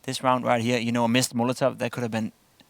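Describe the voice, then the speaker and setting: A man commentating an esports match, building to shouts at big plays. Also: mid-range voice, little pitch movement, fast, vocal fry, dry recording. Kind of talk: play-by-play commentary.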